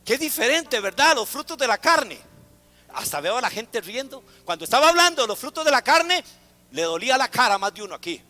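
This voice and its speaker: A man's voice: extremely high pitch, sing-song, a little fast, bright, forceful tone, big-room sound. A man preaching a sermon to a congregation, asking them to repeat words after him. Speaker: pastor. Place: church.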